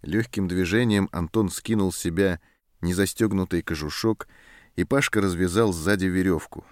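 A man reading a story aloud in calm, measured scripted narration. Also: deep voice, no room sound, clean studio sound. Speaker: audiobook narrator. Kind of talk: scripted narration of a war novel.

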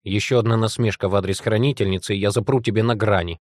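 A man voicing a stern male guardian in a storybook reading, strict and measured with a quiet menace. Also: lowish voice, steady tone, dry recording, clean studio sound, natural voice.

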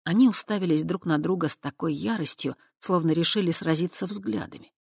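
Brief: expressive fantasy audiobook narrator, mid pitch, dry close read. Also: fairly quick, creaky, breathy edge, no room sound. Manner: expressive storytelling.

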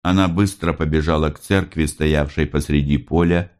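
Deep-voiced man reading a novel aloud. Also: fairly even intonation, moderate pace, darkish tone, smooth. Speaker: audiobook reader. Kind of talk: scripted literary narration.

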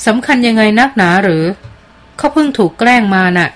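A woman's voice: a little high, expressive, brisk, close to an everyday voice. A woman reading aloud and voicing an earnest young man who presses his friend bluntly with anxious questions. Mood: alarmed.

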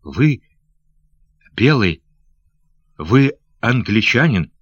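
A man's voice: medium pitch, sing-song, extremely slow, a bit bright, husky, no echo, lo-fi sound, pitched above the performer's own voice, full character voice. A man voicing a young noble lady who is anxious and loving, speaking in breathless, pleading questions.

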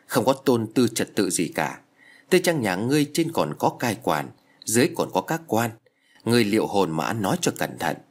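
Stern elderly exorcist, scolding and commanding, read by a male narrator, husky. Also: lowish voice, big pitch swings, normal speed.

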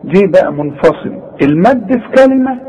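A middle-aged man with an Egyptian accent teaching a tajweed lesson. He corrects mistakes, chants the verses slowly and explains them briskly. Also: high-pitched, lively intonation, warm tone, slight background noise, low-quality recording. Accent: Egyptian Arabic. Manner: corrects mistakes, models recitation slowly, then explains quickly. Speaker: Quran recitation teacher.

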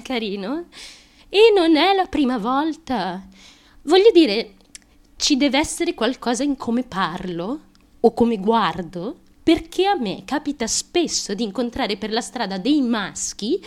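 In a coy, confiding mood, an actress portrays a troubled young woman in a confessional, crude radio theatre monologue, intimate and nervous, faltering, with sharp emotional swings. Her pitch is fairly high and slightly mellow.

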